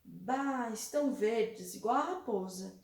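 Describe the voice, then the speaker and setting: A woman's voice: a little high, lively intonation, slow, creaky, a little mellow, far from the mic, heavily acted. A woman reading aloud as a cheerful little cartoon girl who loves eating, in a friendly storybook way for children. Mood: grumbling. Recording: echoey room, voice set back from mic.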